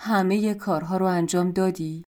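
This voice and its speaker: A woman's voice: fairly low pitch, fairly even intonation, darkish tone, lightly acted. Baba Yaga, a woman reading as a stern old witch. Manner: commanding, curt.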